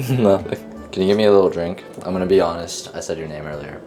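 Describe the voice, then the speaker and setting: A man's voice: deep voice, lively intonation, a little fast, dark tone. A giggly, tipsy man bantering casually, playfully teasing and mock-indignant. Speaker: cooking vlog co-host. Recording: music behind the voice. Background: background music.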